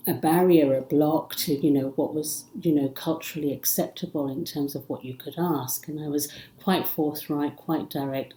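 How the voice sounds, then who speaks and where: A psychologist appearing as a podcast guest speaks reflectively in an interview, her low, mellow voice heard in an echoey room. Born in Africa and raised in India and England, she does not have English as her first language. She talks in an earnest, flowing way, often saying "you know."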